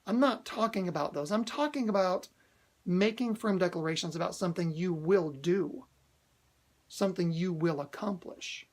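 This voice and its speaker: A man's voice: high-pitched, moderate pace, darkish tone. A man hosting a motivational video, talking earnestly to camera, repeating key phrases for emphasis and restarting often with fillers. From United States. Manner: hesitant restarts with frequent uhs.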